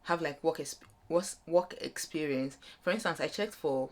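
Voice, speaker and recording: Speaking at a normal speed in a low voice, a young Nigerian-accented woman vlogs advice on student applications. Her explainer is informal and unscripted, and she rambles and rephrases her points along the way.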